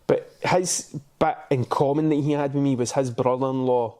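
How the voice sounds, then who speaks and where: A man's voice: mid-range voice, steady tone, normal speed, mellow. A Scottish man co-hosting a podcast, telling sweary, rambling stories in casual chat with lots of restarts. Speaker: podcast co-host.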